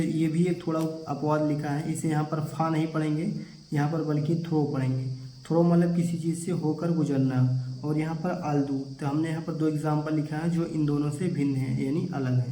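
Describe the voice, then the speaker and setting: A man's voice: fairly high pitch, dark tone. Man teaching in an echoey room. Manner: asks the class questions and answers them himself. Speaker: English teacher. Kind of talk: teaching pronunciation to children. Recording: echoey room with crickets chirping.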